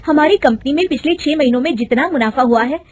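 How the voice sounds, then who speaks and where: A woman's voice: high voice, animated, a little fast, darkish tone, voice pushed up. Woman voicing an earnest young daughter-in-law. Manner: respectful, earnest.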